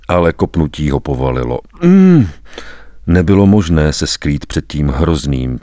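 A man reading a story aloud as a narrator, grave and measured, with weighty pauses. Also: a bass voice, darkish tone, no room sound, studio quality. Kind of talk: dramatic audiobook narration.

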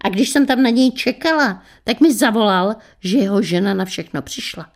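A woman voicing a distraught female friend who shrieks her complaints in a shrill, high voice. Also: natural voice.

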